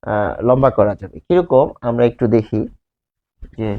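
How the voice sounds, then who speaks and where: A male teacher giving a grammar lesson, repeating key terms slowly and asking and answering his own questions. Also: medium pitch, animated. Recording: tinny, phone-like sound.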